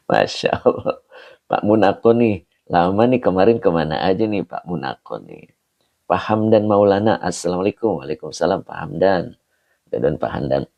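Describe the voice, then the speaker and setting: A man teaching an Islamic text in a livestream lesson. He explains Arabic words slowly and greets viewers by name from the comments, sounding slightly hoarse and clearing his throat now and then. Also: sits low, mellow.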